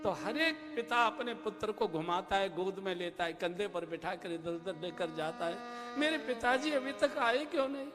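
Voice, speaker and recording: A man's voice: high voice, lively intonation, normal speed. A male storyteller voicing an earnest, sensitive small boy who questions and pleads with his mother. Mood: pleading. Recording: reverberant hall with instrumental music.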